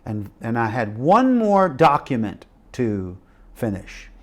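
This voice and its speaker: A middle-aged man preaching a sermon, telling a personal story with animated delivery and shifts between loud and hushed. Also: mid-range voice, slow pace. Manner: animated storytelling with acted quotes and shifting loudness. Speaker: missionary preacher.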